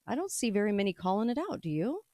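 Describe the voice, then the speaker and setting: A woman's voice: medium pitch, big pitch swings, fast, warm tone, dry recording. A woman hosting a political talk radio show in a conversational, emphatic way.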